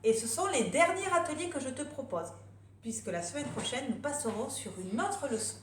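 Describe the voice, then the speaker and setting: A woman teacher giving a remote lesson to young children, lively and drawing out words slowly, syllable by syllable. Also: high-pitched. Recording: echoey room, faint noise.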